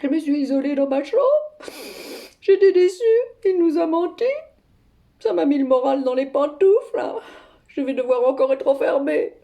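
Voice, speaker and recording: An exasperated older grandmother, played by a woman, rants down the phone with dramatic flair, tagging nearly every phrase with a questioning "hein". Her voice sits high but sounds mellow and dark in tone, with a gravelly, creaky edge. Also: normal speed, pauses often, lo-fi sound. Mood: indignant. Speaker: comic monologue performer. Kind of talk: one-sided phone call sketch.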